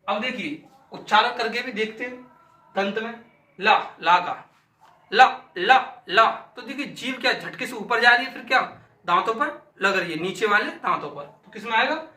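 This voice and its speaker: Bright, high-voiced male teacher. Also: animated, brisk. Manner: demonstrates sounds by repeating syllables aloud; asks and answers his own questions. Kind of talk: classroom lesson. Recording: echoey room, voice from a distance.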